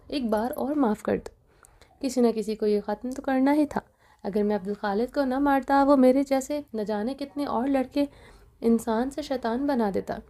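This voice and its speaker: A woman's voice: sits high, dark tone, lightly acted. A woman voicing a grown mafia leader who pleads emotionally with his wife, in an audio novel reading.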